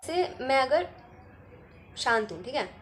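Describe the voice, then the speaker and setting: High-voiced chatty woman giving advice. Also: sing-song, measured pace, a bit bright, a little hiss or hum. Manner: chatty, keeps adding "ठीक है?". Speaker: spiritual self-help vlogger. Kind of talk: casual advice talk to camera.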